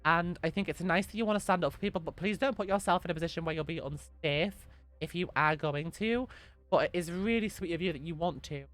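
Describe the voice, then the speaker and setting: Fairly quick and lowish in pitch, a young woman who's slightly hoarse from being sick responds gently to her live stream chat. She keeps repeating her comforting advice.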